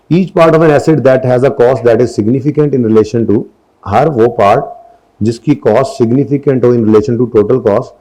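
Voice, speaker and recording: A man's voice: medium pitch, dark tone. A middle-aged man teaching an accountancy class, mixing English terms into his Urdu and firing checking questions at students. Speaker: accountancy lecturer. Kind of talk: classroom lecture.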